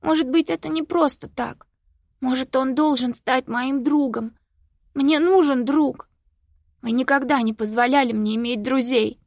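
A woman reading an audiobook, voicing a young girl who begs and pleads in a high, insistent voice. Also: unhurried, darkish tone, no echo, studio quality. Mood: pleading.

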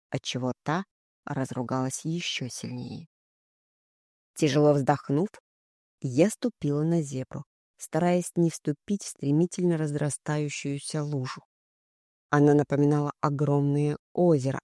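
Mellow, dry audiobook narration. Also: mid-range voice, no echo. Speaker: audiobook reader.

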